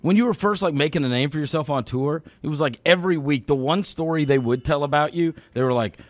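A man hosting a casual interview show, joking and teasing with quick questions, recorded on a studio mic in a lounge room. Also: on the high side, no room sound. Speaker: show host. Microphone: studio mic with headphones.

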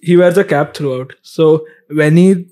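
Higher-voiced Indian man, mellow podcast host. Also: unhurried. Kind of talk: casual chat. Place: small furnished room, indoors. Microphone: podcast microphone on boom arm, close.

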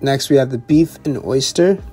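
A young man, a chef and vlogger, casually talking through a restaurant tasting menu with excited repetition and restarts. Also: medium pitch, moderate pace, slightly rough, faint music behind. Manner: enthusiastic, repeats words, restarts.

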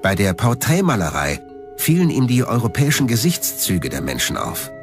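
With a low voice and huge pitch swings, a man delivers scripted documentary narration at normal speed, his intonation rising and falling expressively. Music is clearly audible behind him.

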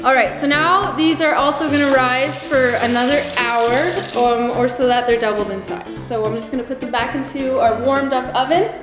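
A young woman serving as guest baker guides a baking demonstration in a large home kitchen, explaining each step in an upbeat, instructive way. Her voice sits high with fairly even intonation, at normal speed with few pauses. The kitchen sounds echoey, with background music playing.

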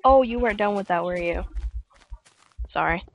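A woman's voice: mid-range voice, normal speed, creaky. A woman co-hosting a gaming series, chatting casually while playing and often giggling. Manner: giggly and playful. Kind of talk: casual gameplay chat. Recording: dull lo-fi voice chat audio.

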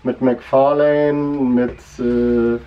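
A man's voice: medium pitch, flat delivery, extremely slow, recorded from a distance, highs cut off. A man in his forties chatting casually in a comic shop, rambling with many fillers and restarts. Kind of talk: casual chat.

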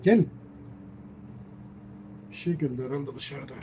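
A man chatting casually on a live stream at home, coaxing his cat to come inside and calling it loudly by name. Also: mid-range voice, unhurried, noisy background.

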